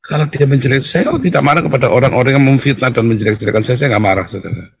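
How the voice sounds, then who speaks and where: Male preacher, gravelly and raspy, emphatic and outspoken, video call sermon. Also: medium pitch, rapid-fire. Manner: blunt, emphatic, addresses listeners as brothers.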